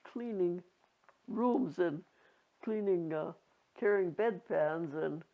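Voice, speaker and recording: A very old woman in her nineties reminiscing casually, halting and rambling, with a creaky aged voice. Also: fairly low pitch. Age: 90s. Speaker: interviewee. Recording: dull lo-fi home recording.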